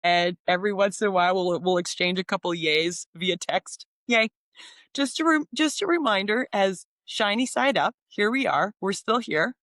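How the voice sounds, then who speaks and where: The voice is a woman in her forties from Canada, chatting as a musician guest in a relaxed interview. She sounds upbeat and eager, peppering her talk with ums and quick restarts. Her voice sits at a middling pitch and is recorded dry and close, with no room sound. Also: dry recording. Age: 40s. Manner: upbeat and enthusiastic, with frequent fillers. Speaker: singer-songwriter guest. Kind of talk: casual interview chat.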